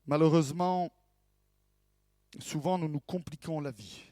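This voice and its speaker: A male pastor preaching a sermon in an animated way, swinging from hushed to loud and asking rhetorical questions. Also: fairly high pitch, unhurried, no echo, clean studio sound.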